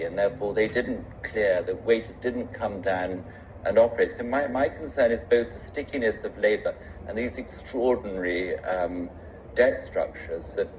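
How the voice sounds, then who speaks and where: A man speaking in a formal public discussion, making his argument in a measured, articulate but hesitant way. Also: low voice. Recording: dull, noisy recording with room ambience.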